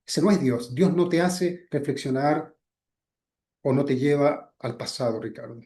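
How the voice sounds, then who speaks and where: A man gives a spiritual teaching talk in a slightly high voice at a measured pace. He keeps calling his listener by name, often lets phrases sink softly at the end, and checks in with frequent short questions.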